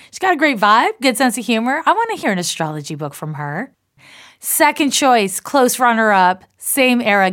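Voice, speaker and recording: A middle-aged Canadian woman, an astrologer and author, delivers a reflective personal monologue in a mid-range, fairly bright voice, her accent blending Canadian and American sounds. A chatty, self-described talker, she speaks easily and at length with particular, deliberate enunciation.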